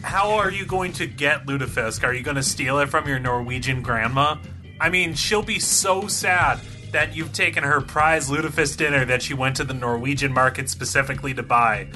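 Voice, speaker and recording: A man co-hosting a sports podcast, spinning animated comic rants in casual chat. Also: mid-range voice. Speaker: podcast co-host, sports writer.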